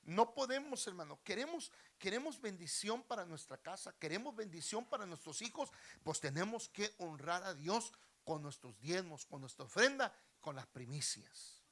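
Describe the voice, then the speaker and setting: A man's voice: sits high, expressive, moderate pace, bright, forceful tone. A man, a pastor preaching a sermon with fervor and often addressing listeners as brother. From Mexico.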